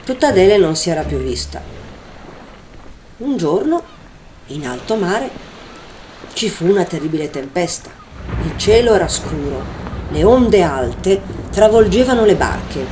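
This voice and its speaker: A woman's voice: on the low side, sing-song, measured pace, long pauses, slight background noise. Woman reading a fairy tale. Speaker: storyteller. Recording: loud music bed behind.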